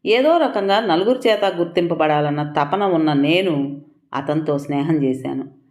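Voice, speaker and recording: A woman's voice: low voice, a little slow, a little mellow, echoey room. A woman voicing an ambitious young woman who speaks bluntly and mockingly, without apology. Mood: scornful. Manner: mocking, unapologetic.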